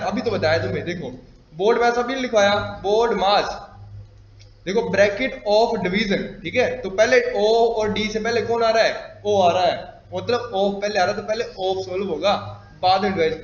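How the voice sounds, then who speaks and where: A man's voice: high-pitched, brisk. A man teaching a live class, quizzing and teasing his students as he explains. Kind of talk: classroom lecture. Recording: echoey classroom, dull lo-fi audio.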